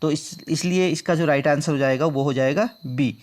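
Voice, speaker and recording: Man going through exam questions, higher-pitched. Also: normal speed, a little mellow. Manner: drills answers by repeating them back as questions; addresses viewers as friends. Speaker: exam prep teacher. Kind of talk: explaining quiz answers.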